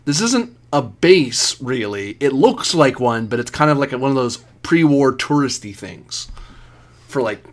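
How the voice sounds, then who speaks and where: A man narrating a tabletop roleplaying game as game master, in a casual and halting way. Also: medium pitch, animated. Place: online game session.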